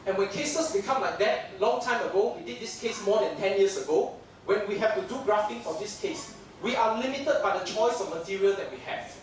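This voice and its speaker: Speaking fairly quickly, a high-pitched male dental lecturer with a Singaporean accent jokes and chats his way through a conference talk, using lots of fillers despite being jet-lagged. The distant hall mic gives heavy echo and catches audience noise.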